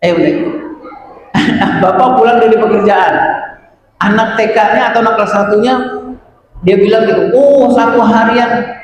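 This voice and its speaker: High-voiced man lecturing parents in a hall. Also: fairly even intonation, normal speed, pauses often, lo-fi sound. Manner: addresses audience often, acts out dialogues. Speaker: parenting seminar speaker. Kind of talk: lively seminar talk. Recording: echoey hall with faint background noise.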